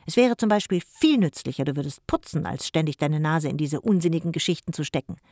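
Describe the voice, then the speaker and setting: Fussy businessman uncle, grumpy and bossy, raised and loud, put on by the audiobook reader, dry close recording. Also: medium pitch, expressive, fast talker, dry recording. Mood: scolding.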